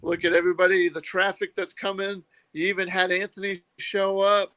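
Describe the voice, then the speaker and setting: A man's voice: high voice, level tone, a little fast, sharp tone, no echo, low-quality recording. A man from Texas trash-talking on a wrestling podcast, cocky and sarcastic. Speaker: wrestler, guest.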